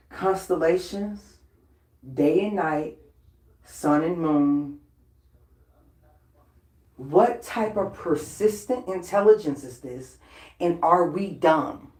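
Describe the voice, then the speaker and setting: A woman with a voice on the lower side rants casually to the camera. She talks bluntly and profanely, with a shady edge and laughs between lines. Her voice rings in a roomy, echoey room. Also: a little mellow. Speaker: vlogger. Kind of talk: casual unscripted rant.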